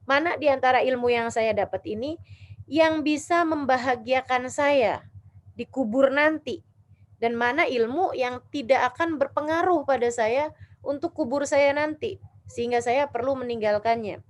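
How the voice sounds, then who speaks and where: A woman religious teacher gives a study lecture to a women's group. Her voice sits fairly high, and she moves between recited Arabic prayers and plain explanation in an earnest preaching manner. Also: moderate pace. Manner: warm didactic preaching, chanting Arabic prayers then translating. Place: online or live study session for women.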